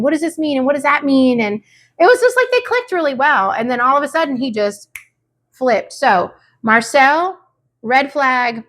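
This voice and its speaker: A high-voiced woman chats casually as she recaps a reality show. She talks animatedly and slips into quick impressions of the people she describes. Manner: animated, mimics people in quotes, frequent "like". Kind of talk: casual chat.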